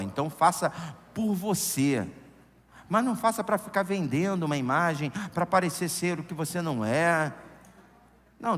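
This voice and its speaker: A middle-aged Brazilian man preaching a sermon in church, conversational and humorous, telling anecdotes into a microphone. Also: on the high side. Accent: Brazilian Portuguese. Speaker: pastor. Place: church sanctuary. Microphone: handheld or stand microphone. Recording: long church hall reverb.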